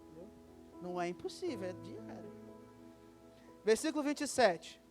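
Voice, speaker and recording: A man with a Brazilian Portuguese accent preaching a sermon as pastor, lively and acting out short dialogues. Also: high-pitched, moderate pace, over music. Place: church service.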